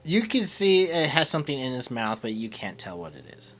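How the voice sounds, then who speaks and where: A man's voice: mid-range voice, sing-song, a little fast, fairly bright tone. Guy running a tabletop game, lots of ums and uhs, hesitant narration. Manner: hesitant, many fillers. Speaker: game master.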